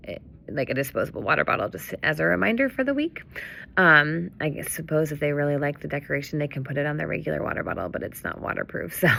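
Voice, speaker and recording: A woman's voice: sits low, gravelly, sharp tone. A woman leading a children's ministry, casually walking volunteers through the week's activities with many fillers and self-corrections.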